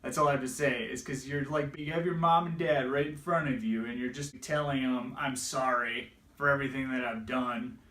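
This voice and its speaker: A man's voice: mid-range voice, fairly even intonation, normal speed, few pauses, pushed and bright. A man telling an emotional personal story, tearful and laughing through it, his voice breaking. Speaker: vlogger. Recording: roomy echo, distant from mic.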